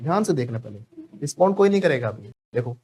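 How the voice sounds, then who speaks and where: A man's voice: medium pitch, very animated, fast, darkish tone, breathy edge. A man teaching spoken English to a class, drilling students to repeat phrases after him.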